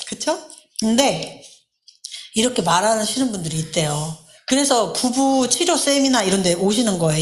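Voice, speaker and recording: A woman giving a church class talk, telling a personal story and acting out quoted lines. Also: medium pitch.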